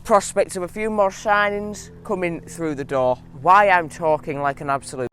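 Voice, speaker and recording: A man's voice: high-pitched, moderate pace, bright, forceful tone. A young man hosting a casual football vlog, talking with a lisp and slightly slurred speech from wearing a retainer. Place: outdoors. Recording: outdoor noise, vehicles, passing grass cutter. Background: traffic-like outdoor noise, grass cutter.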